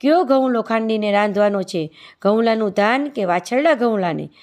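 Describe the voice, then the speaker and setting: A woman narrator puts on a simple, earnest young daughter-in-law from a devotional fable. The voice sits a little high and stays close to the reader's own. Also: normal speed, darkish tone, lightly acted. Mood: naive.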